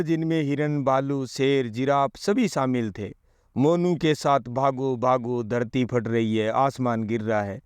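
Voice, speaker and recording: Male storyteller, scripted fable narration, unhurried and slightly high, close dry mic. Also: a little mellow, dry recording. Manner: slow measured reading.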